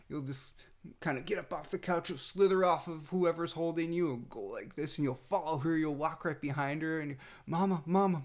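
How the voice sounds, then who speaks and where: A young adult man recording a rambling, affectionate birthday message to his little son a few days after nose surgery. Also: a little high. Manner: rambling and affectionate, many fillers and restarts. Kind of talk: casual personal message.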